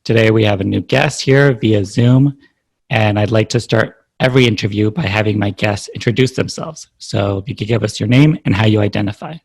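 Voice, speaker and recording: A man hosting a podcast, asking his guest measured, scripted-sounding interview questions. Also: fairly low pitch, gravelly. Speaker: podcast host.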